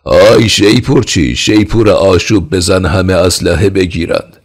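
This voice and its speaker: A man's voice: very deep voice, expressive, vocal fry, pitched above the performer's own voice, heavily acted. A man voicing a panicked, irritable king in an audiobook, anxiously barking questions and orders. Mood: commanding. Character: panicked, irritable middle-aged Qajar king. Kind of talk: audiobook character voice.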